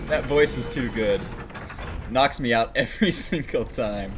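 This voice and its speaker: A man's voice: mid-range voice, noisy background. Laid-back laughing man streaming a game. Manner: laughs often, loose and joking. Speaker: livestreaming speedrunner. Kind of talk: casual stream chat.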